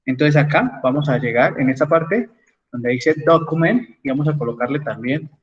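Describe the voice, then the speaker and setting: A man's voice: fairly high pitch, animated, moderate pace, far from the mic. Man teaching a class over a dull mic. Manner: explanatory, frequent "¿sí?" checks with students. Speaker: engineering lecturer. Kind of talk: online class with screen sharing.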